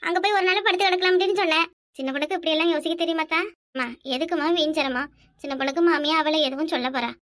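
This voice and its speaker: A woman with a Kanyakumari Tamil accent voicing village women in a family cartoon, with quick, bickering chatter. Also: extremely high pitch, a bit bright. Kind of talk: animated village cartoon dialogue.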